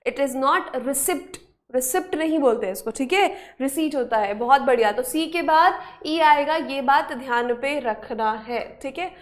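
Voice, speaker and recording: Female spelling teacher, Indian accent, high pitched, brisk and encouraging with her class. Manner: brisk, praising, urging students to hurry. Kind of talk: live online class, quizzing students.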